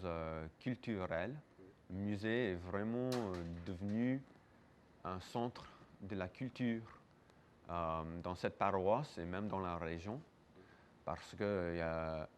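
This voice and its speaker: A man's voice: deep voice, slight background noise. A man giving hesitant, explanatory answers in a casual interview. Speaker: museum interviewee.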